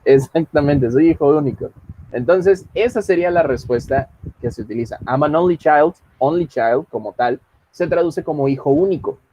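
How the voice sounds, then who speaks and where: A man teaching English in an online class, explaining calmly and reading English example lines slowly. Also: a little high, lo-fi sound.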